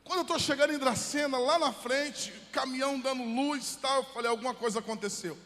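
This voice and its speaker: A Brazilian pastor from the interior of São Paulo preaches with a strikingly high voice, moving from storytelling into fervent exhortation. His words ring out with long reverb in a church hall. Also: fairly quick, bright, forceful tone. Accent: Brazilian Portuguese, São Paulo interior. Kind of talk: sermon with personal story.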